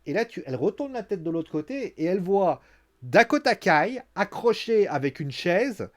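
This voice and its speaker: A lively young man talking through a wrestling recap in casual commentary. His voice sits a touch high and swings widely in pitch as he acts out the scenes with sudden exclamations. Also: normal speed. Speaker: wrestling show reviewer.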